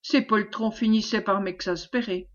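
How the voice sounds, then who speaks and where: A woman reading the part of a gruff, impatient older male commander who blusters scornfully, on a dull lo-fi recording. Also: medium pitch, steady tone, normal speed, close to an everyday voice.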